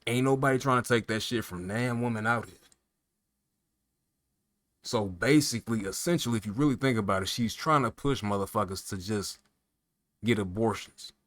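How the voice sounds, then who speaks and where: A man with a somewhat low voice vents in a heated, profanity-laced rant. He talks straight at the listener, piling on emphatic rhetorical questions. The recording is dry, with no room sound. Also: moderate pace, long pauses, a bit bright, no room sound. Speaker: political commentator. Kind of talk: casual political rant.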